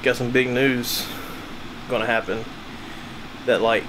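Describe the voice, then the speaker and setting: Speaking slowly with fairly even intonation, a young man of medium pitch rambles self-deprecatingly to the camera he holds at arm's length. The setting is a small cabin, the talk is a casual vlog, and noise can be heard in the background.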